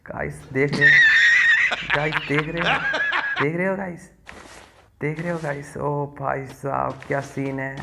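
A man's voice: a little high, steady tone, unhurried, vocal fry, pauses often. A man from India giving playful, teasing commentary over a mobile game and calling out to his viewers. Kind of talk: casual gameplay commentary. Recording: noisy recording with game clicks.

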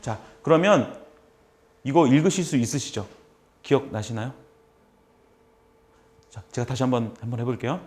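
A man teaching a class, patiently repeating short phrases slowly so students can copy them. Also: mid-range voice, expressive, darkish tone. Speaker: language instructor. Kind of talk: classroom lesson.

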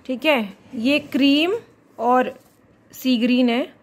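Holding her phone out at arm's length, a woman in her thirties narrates a casual vlog in Hindi mixed with English words. Her voice sits high and she speaks slowly. The setting shifts from a garden outdoors to home, then to a crowded shop.

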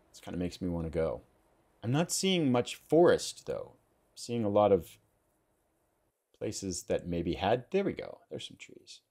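A man hosting a let's play, talking casually and thinking aloud as he drives through the game. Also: lowish voice. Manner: relaxed, chatty, thinking aloud while driving. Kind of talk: casual gameplay commentary.

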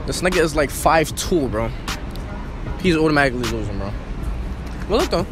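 A man's voice: on the high side, sing-song, brisk. A man from Brooklyn, New York, doing a brash, slangy street interview outdoors on a city street. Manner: brash, trash-talking and slangy. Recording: loud background music. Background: hip hop music.

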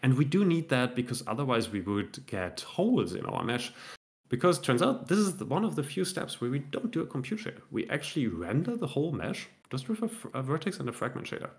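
Presenting live software demos at a tech meetup via video call from his home, this thirtysomething man keeps things laid-back and pokes fun at himself. His speech stumbles with frequent fillers and restarts; his pitch is medium and his pace fairly quick.

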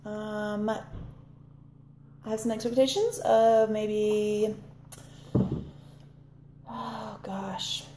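Young woman, 20s, casual vlog co-host; giggly, rambling, mellow tone; phone at arm's length in an echoey greenhouse. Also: mid-range voice, steady tone, very slow, pauses often, a little hiss or hum. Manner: giggly, rambling, searches for words. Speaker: vlog co-host, farm intern. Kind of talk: casual chat. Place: large dome greenhouse, indoors. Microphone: phone camera at arm's length.

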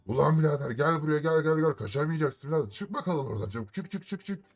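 A man voicing a gruff, hostile male guard in a game role-play, barking rough threats. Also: a little high, lively intonation, fast talker, lo-fi sound, faint music behind, voice pushed down.

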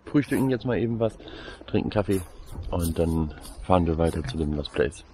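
A man's voice: low voice, animated, fairly quick, darkish tone. A man in his thirties chatting casually for an exploration vlog in a hesitant, loosely rambling way. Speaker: vlog host. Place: parked or moving car, roadside outdoors. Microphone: handheld camera at arm's length. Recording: noisy car and outdoor sound.

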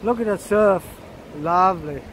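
A man's voice: sits high, measured pace, fairly bright tone. A man in his fifties filming a casual fishing vlog on an open beach, chatty, laughing often and repeating words, holding the camera close. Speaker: fishing vlogger. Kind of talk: casual outdoor vlog commentary. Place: open sandy beach by the surf. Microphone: handheld camera close to face. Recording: wind and surf noise.

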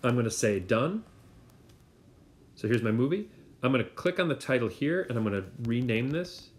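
A man's voice: medium pitch, sing-song, normal speed. A man walking through an app step by step in a casual tutorial, thinking aloud with plenty of fillers. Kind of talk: screen-recorded tutorial walkthrough.

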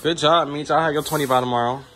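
A man's voice: a little high, fairly even intonation, fast talker, bright, forceful tone, slight background noise. A man hosting a food challenge in casual chat, teasing and egging others on, close to a phone in a home kitchen. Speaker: host filming the challenge. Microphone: handheld phone, close behind it.

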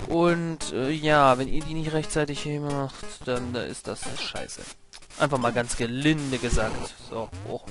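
A young man giving casual gameplay commentary, excitable and chatty, swearing at the game and giving tips to viewers. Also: mid-range voice, a little slow. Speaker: let's play commentator. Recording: game music playing behind. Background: video game music.

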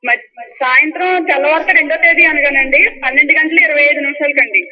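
A woman's voice: high-pitched, fast. A mother calling into a TV show, asking anxiously for advice about her son. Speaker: caller, a mother. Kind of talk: phone call into a TV show. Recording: dull lo-fi phone line on TV.

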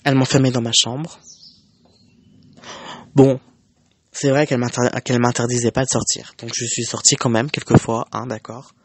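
A young man recounts a painful personal story in a casual, emotional monologue, often stumbling and restarting his sentences. His voice sits in an average middle pitch. The sound is dry and close, with no room echo. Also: level tone, moderate pace, pauses often, breathy edge. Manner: emotional, conversational, many fillers and restarts. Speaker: vlogger.

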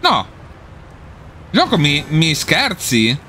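A man's voice: on the high side, wildly swooping pitch, extremely slow, sharp tone, slight background noise. A man giving casual let's play commentary, swearing and talking back at the enemies he fights. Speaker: gameplay streamer.

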